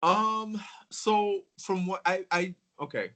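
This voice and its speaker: A man in casual conversation about crystals, talking in a relaxed, rambling way with many filler words. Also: sits high, slow pace, rough recording. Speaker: crystal collector.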